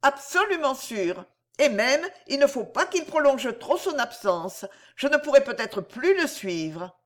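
A woman's voice: sits high, sing-song, measured pace, pitched above the performer's own voice. Woman voicing a feverish, resolute young woman. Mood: calm.

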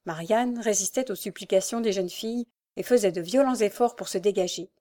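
A woman's voice: medium pitch, brisk, warm tone. A woman reading a classic novel aloud as scripted narration, rising to urgent emphasis in the dialogue. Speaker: audiobook reader.

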